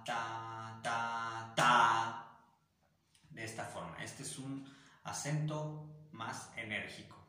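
A lower-voiced man with a Mexican Spanish accent gives a patient music theory lesson, singing short syllables to show each articulation. His tone is bright and forceful. He is recorded in a very echoey room with faint background noise. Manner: patient, explanatory, sings syllables to demonstrate articulations. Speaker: music teacher.

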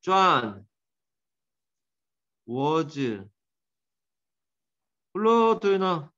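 A man teaches English grammar to a classroom, his fairly high voice leaping around with animated swings. He quizzes and teases his students by name between points. The recording is dull and lo-fi. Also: drawn-out words.

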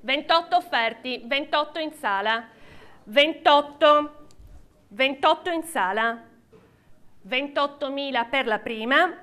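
Female auctioneer, middle-aged, very high voice, repetitive bid-calling and countdowns at a live auction. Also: slow pace, sharp tone. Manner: auctioneer's chant, repeating bids and counting down. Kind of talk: live auctioneering of classic cars. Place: large auction hall with seated audience.

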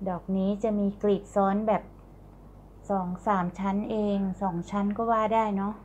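Walking through a garden with a handheld phone, a middle-aged channel host explains the flowers politely and casually. She speaks in a mid-range, slightly mellow voice at a moderate pace, with little pitch movement. A faint hum sits under the dull, lo-fi audio.

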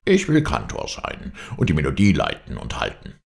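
A man's voice: rumbling low, wildly swooping pitch, normal speed, vocal fry, full character voice. A man voicing a bold, greedy wolf who talks boisterously in a storybook tale. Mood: boastful. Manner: defiant, boisterous.

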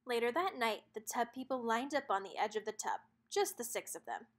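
A woman briskly narrates a children's storybook aloud, her voice on the high side and her reading expressive.

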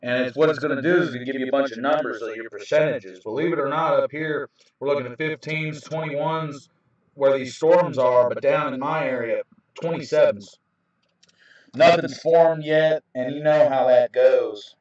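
Filmed on a handheld camera whose mic sits away from him, a male storm chaser walks viewers through weather radar in a casual video. His voice is medium in pitch and darkish, at a moderate pace, and the audio comes across roomy, dull and distant.

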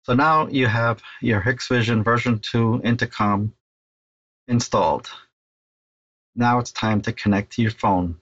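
In dull audio, a middle-aged man with a voice on the low side walks through an informal tech tutorial step by step. As an installer explaining a how-to, he sometimes hesitates and says things twice.

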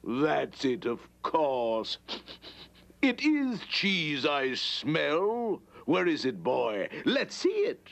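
A man's voice: on the high side, huge pitch swings, very slow, gravelly, fairly bright tone, exaggerated voice. A man voicing an arrogant nobleman villain in a cartoon, sneering and mocking with cackling laughs. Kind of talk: 1960s cartoon voice acting.

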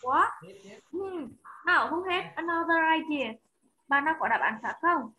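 A woman's voice: sits high, lively intonation, measured pace, pushed and bright, slight background noise, rough recording. A woman with a Vietnamese accent teaching English in an online class over a video call, calling on students by name, repeating their answers and switching between English and Vietnamese.

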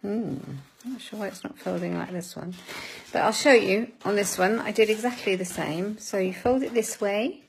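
A chatty woman talks viewers through a craft project live, greeting them by name as she folds. Her voice sits at a middling pitch, and there is a faint hiss behind it. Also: normal speed, gravelly, rough recording. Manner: laughs at her own fumbles.

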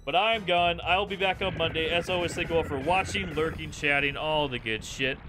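With music playing in the background, a young man with a fairly high voice talks a little fast while streaming a retro game. He keeps things laid-back and casual, though frustration slips out as swearing.

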